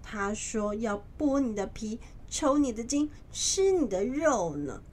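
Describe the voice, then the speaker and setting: A woman voicing a sly, lazy male pig-headed disciple in a children's storybook, with a wheedling, drawn-out manner. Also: a little high, big pitch swings, darkish tone. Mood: pleading.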